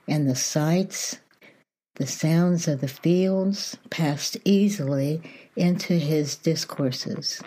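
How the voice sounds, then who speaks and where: Low mellow lady reading a devotional slowly, soft morning voice. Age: older. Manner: slow, gentle, unhurried reading. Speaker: podcast host.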